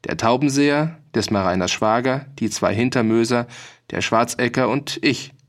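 A man's voice: medium pitch, lightly acted. A man voicing a proud, stubborn farmer who speaks in earnest, rustic turns of phrase. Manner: measured, earnest, rustic dialect speech.

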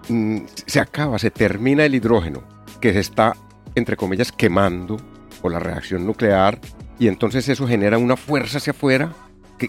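A man with a nasal, honking voice stuffed up by a winter cold, explaining things casually in a podcast conversation. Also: on the low side. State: congested with a head cold. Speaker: astronomy science communicator, podcast co-host.

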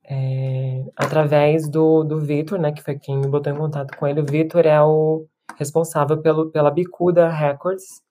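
Woman in her 30s, low mellow voice, a reflective musician interviewee. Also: little pitch movement, moderate pace, few pauses. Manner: reflective, with many restarts and tag questions. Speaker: musician and performer being interviewed. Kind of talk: casual interview talk.

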